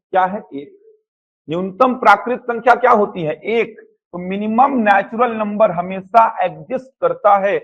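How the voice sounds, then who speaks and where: A man teaching a live math coaching class to a classroom and online viewers. He asks the students questions, answers them himself, and repeats the key points. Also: high voice. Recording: slightly dull lo-fi classroom audio.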